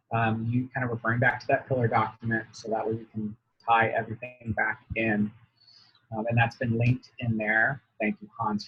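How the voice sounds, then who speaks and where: A man's voice: mid-range voice, dull audio, a little hiss or hum. A man heard over a video call whose audio breaks up, giving a team planning update hesitantly with many fillers and hedges. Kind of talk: presenting a project update in a meeting.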